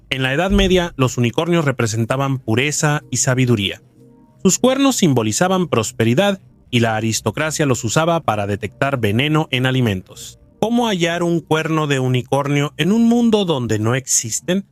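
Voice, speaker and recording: A man giving scripted documentary narration in a measured, even storytelling delivery, recorded close as a voice-over. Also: mid-range voice.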